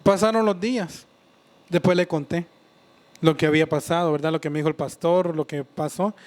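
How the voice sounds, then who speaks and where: A man giving an earnest, halting personal faith testimony, often restarting and repeating himself. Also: a little high, fairly even intonation, darkish tone. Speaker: church member giving testimony.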